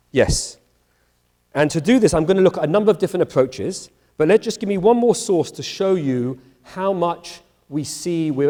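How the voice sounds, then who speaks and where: A middle-aged man, a rabbi, giving an animated public lecture and acting out the dialogue as he goes. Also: on the high side. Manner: animated, acts out dialogue in voices. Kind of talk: lively university lecture. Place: large chapel hall. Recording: long reverb of a large chapel.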